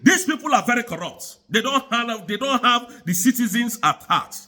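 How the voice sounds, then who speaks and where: A man with a high, bright voice delivers a heated political rant. His pitch swings all over the place as he repeats his charges in an angry, preaching tone. He speaks throughout. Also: animated, normal speed. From Nigeria. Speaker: commentator.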